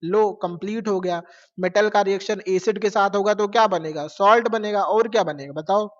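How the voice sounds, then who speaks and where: A man's voice: high voice, normal speed. Man teaching science, asking and answering himself. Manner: asks questions and answers them himself, repeats key words; casual, mixes English terms into Hindi. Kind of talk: classroom lecture. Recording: lo-fi with long reverb.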